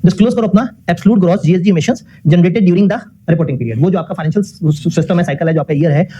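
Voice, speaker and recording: A man's voice: high-pitched, rapid-fire, mellow, breathy edge. A man giving a classroom lecture. He puts questions to the class, answers them himself, and mixes English technical phrases into his talk.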